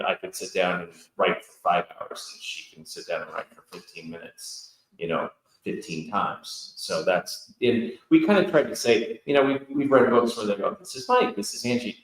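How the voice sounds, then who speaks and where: Low-voiced rambling man in echoey room. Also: a bit bright. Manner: rambling, restarts and asides. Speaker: book co-author on a panel. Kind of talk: casual panel talk. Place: indoor event room.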